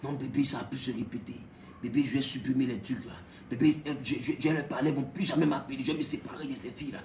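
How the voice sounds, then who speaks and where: A meek young husband begs his wife's pardon in a low, hushed murmur, as a preacher puts him on. His soft, apologetic voice carries through a roomy, echoing space. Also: fairly even intonation, fast talker, recorded from a distance, a little hiss or hum, natural voice. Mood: pleading. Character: meek pleading young husband begging forgiveness.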